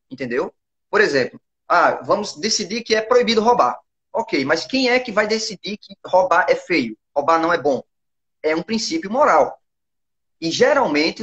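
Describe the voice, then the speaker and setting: A man's voice: high-pitched, a bit bright. A young man in his early twenties with a Brazilian accent, explaining his views earnestly as an interview guest and often asking for agreement. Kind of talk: conversational interview.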